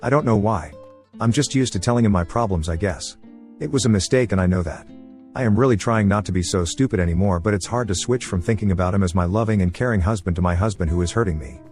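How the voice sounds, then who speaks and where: Fast-reading low-voiced man. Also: a little mellow, soft background music. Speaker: narrator of online forum posts. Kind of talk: fast scripted story reading.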